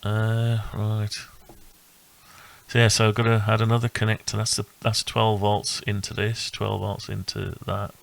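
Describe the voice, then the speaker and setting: Thinking aloud, an electronics hobbyist rambles and halts his way through a casual, unscripted walkthrough of a project he made. His voice is male, low and fry-heavy, with very even intonation.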